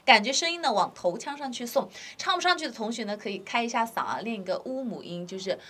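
High-voiced woman teaching singing. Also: animated, fast talker, fairly bright tone, breathy edge. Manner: patient instructional, demonstrates sung phrases and sighs. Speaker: vocal teacher. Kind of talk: singing lesson.

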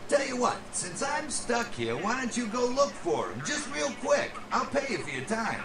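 A man's voice: very high-pitched, wildly swooping pitch, normal speed, full character voice. A man voicing a shifty, chatty middle-aged video game character in a casual, folksy way. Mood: coaxing. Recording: echoey, distant, music behind.

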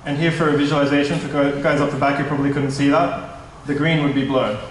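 Presenting for his tech startup in a big meetup hall, a young man speaks quickly with a voice on the high side and fairly even intonation. He's casual, a touch nervous, and fixes his own wording mid-talk. A stand mic placed at a distance captures echo and a little hiss or hum.

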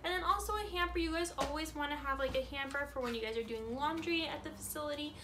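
Casting: female vlogger, twenties, high-pitched and chirpy, informal haul-video chat, slightly noisy indoor recording. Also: quick pace. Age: 20s. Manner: frequent "like" as filler, informal.

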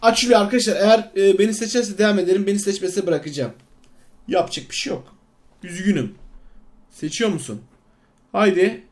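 A man giving casual commentary on his own gameplay, swinging between loud outbursts and sly muttering. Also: high-pitched, a little fast, long pauses. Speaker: gaming YouTuber. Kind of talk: casual Let's Play commentary.

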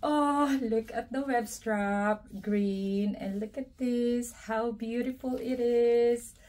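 Excitable gushing woman vlogger, unhurried. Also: on the high side. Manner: gushing, excitable, repeats "amazing" and "oh my God". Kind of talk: casual unboxing vlog.

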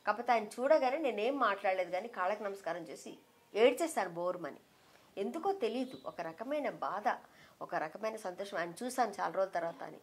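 A middle-aged woman as an interview guest, telling a personal memory with heartfelt emotion and softening her voice when she quotes others. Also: medium pitch, lively intonation, a little fast. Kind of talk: reminiscing in an interview.

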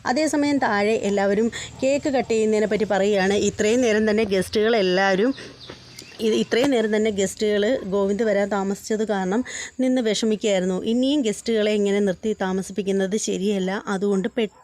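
A woman's voice: medium pitch, fairly even intonation, a little fast, darkish tone, slight background noise. A woman casually retelling the scenes of a TV serial, quoting the characters, with many fillers and restarts. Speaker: serial recap narrator. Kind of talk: casual storytelling recap of a TV serial.

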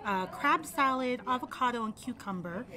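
Sitting at a table on a restaurant patio outdoors, a young woman vlogs a casual food review, chatting through every bite. Her voice is on the high side and animated at a moderate pace, with crowd noise and patio ambience all around.

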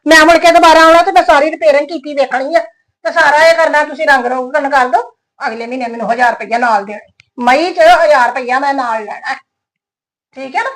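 A woman's voice: high-pitched, a little fast, a bit bright. A woman playing a domineering middle-aged landlady who scolds her tenants. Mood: scolding. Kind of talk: skit acting.

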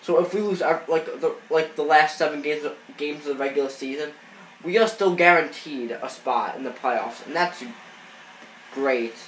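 With a cold that keeps him sniffling, a gaming channel host offers loose, rambling commentary on baseball video game footage, full of fillers and restarts. The fairly high, slightly bright voice moves at a moderate pace, recorded as an off-screen voice-over in an echoey room with faint noise.

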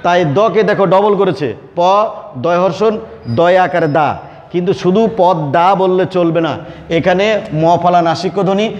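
A man's voice: high-pitched, fairly even intonation, normal speed, a little mellow, long reverb tail, lo-fi sound. A man teaching an online grammar lesson, explaining step by step and repeating key words. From Bangladesh.

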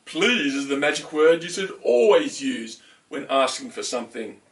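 A man putting on a slow, stern owl. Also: very animated, far from the mic. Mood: kindly. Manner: slow, stately and lower-pitched. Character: stern, slow-spoken wise male owl.

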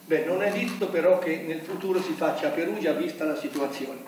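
A man's voice: fairly high pitch, a little fast, darkish tone, distant mic. An older man speaking bluntly and indignantly at a press conference, with a polemical manner. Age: older, about 70s. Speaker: festival director at a press conference. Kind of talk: press conference speech, reading from notes and arguing. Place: hotel conference room. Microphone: table gooseneck microphone in a roomy hall. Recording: roomy hotel hall, off-mic, background noise.

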